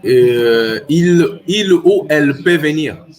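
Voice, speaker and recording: A man's voice: a little high, animated, slow pace, darkish tone. Hesitant male student on a call. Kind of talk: online language lesson.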